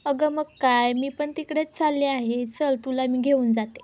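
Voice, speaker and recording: An old grandmother speaks kindly yet firmly in a serial retelling, read by a woman narrator. The voice is high and mellow, near a plain reading. She sounds affectionate and in charge. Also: steady tone, normal speed, lightly acted. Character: kindly, brisk grandmother of the house.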